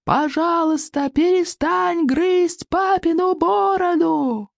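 A flustered young Viking boy, sullen and then pleading, as the reader plays him. His voice stays close to the reader's own, dry and near the mic, and it slows down when he gets firm. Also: mid-range voice, steady tone, a little mellow, no echo, lightly acted.

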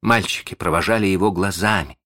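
A man narrating a children's story aloud in a dramatic, animated manner. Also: sits low, fairly quick, no echo, studio quality. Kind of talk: expressive audiobook narration.

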